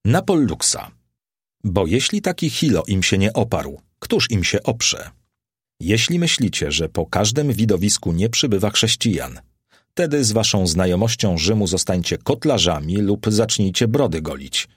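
A man's voice: on the low side, very animated, normal speed, husky, no room sound. A man reading the part of an ironic, cool-headed Roman courtier who mocks the others with dry wit. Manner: dry, mocking irony.

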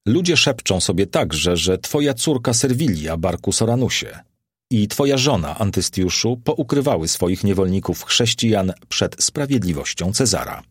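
A man's voice: lowish voice, expressive, normal speed, slightly rough, no room sound, studio quality. A man reading the part of a cruel Roman prefect who speaks in a sneering, accusing way.

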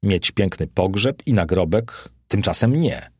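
A man's voice: low voice, animated, measured pace, husky, no echo, studio quality, full character voice. A man reading the part of a Roman courtier who wonders aloud in a puzzled, gossiping way.

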